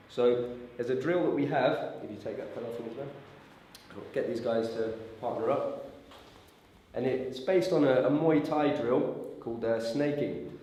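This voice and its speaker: A man with a hoarse, raspy voice from a sore throat gives an informal, hands-on martial arts lesson as the instructor, checking in as he explains. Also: medium pitch, a little mellow. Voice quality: raspy, strained voice. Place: echoey indoor training room. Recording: very echoey room with faint noise.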